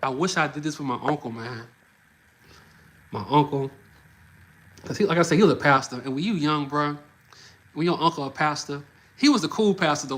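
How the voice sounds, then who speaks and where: His voice a little high and somewhat bright, a thirty-something livestream host from Louisiana chats loosely and energetically in response to comments, frequently saying "bro."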